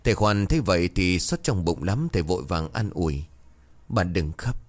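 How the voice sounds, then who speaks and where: A man narrating a folk story in a steady, unhurried way. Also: sits low, no echo.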